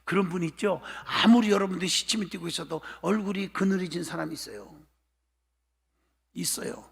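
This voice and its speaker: A man pastor preaching a sermon to a congregation, emphatic and urging amens, at times breaking into shouts. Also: high-pitched, quick pace, creaky, breathy edge. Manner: emphatic preaching, often calling for amen; bursts into shouting at climaxes. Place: church sanctuary during a live service. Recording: long reverb of a church hall.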